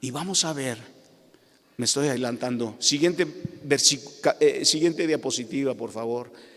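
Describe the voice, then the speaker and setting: A man preaching a sermon, swinging between hushed pleading and loud preaching. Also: mid-range voice, moderate pace, in a large hall. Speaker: pastor.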